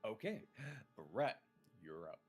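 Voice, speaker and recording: A man running a tabletop game as dungeon master, animated and swearing freely as he narrates the combat. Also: fairly low pitch, slow, soft background music.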